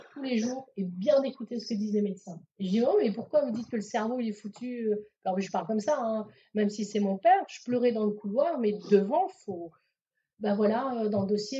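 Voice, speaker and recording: A woman giving a public talk as a medium, telling a personal story in a chatty, animated way with many fillers and acted-out dialogue. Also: mid-range voice. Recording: dull lo-fi audio recording.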